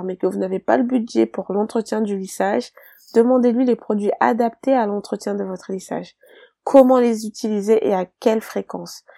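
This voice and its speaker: A woman's voice: medium pitch, gravelly, mellow, husky, no echo. A woman hairdresser hosting her own podcast, giving direct advice and pleading with emphatic repeats. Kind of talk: solo podcast advice monologue.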